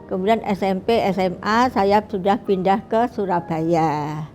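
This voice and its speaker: An older woman speaks in a mellow, soft-edged voice, reminiscing at an unhurried pace and pausing often to find her words. Her tone is that of a retired doctor telling her own story, with faint music under her. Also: medium pitch. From Bali, Indonesia. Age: 70s. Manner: unhurried, reflective, with many pauses and restarts. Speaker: retired eye doctor and professor. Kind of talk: recorded interview, personal reminiscence.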